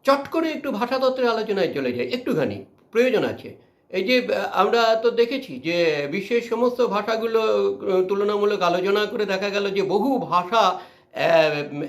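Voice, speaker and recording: Guy teaching lit class, reads a bit then explains with lots of ums, kinda high voice, roomy echo. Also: animated, moderate pace. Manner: reads passages aloud then explains with fillers. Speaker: Bengali literature teacher. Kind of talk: line-by-line text explanation lesson.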